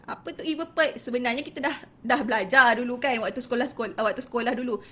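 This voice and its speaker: A woman's voice: on the high side, fast talker, bright, forceful tone. A woman teacher with a Malaysian accent, giving a casual live-stream lesson, chatty and peppering her talk with little interjections as she greets viewers.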